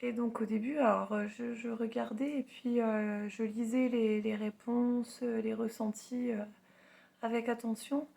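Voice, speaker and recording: A spiritual medium vlogger casually tells a personal story to her followers while nursing a heavy cold. Her voice is a little high with little pitch movement and a warm tone, but it's hoarse, worn, weak in power, nasal and congested, and it's giving out. She speaks haltingly and in a self-deprecating way.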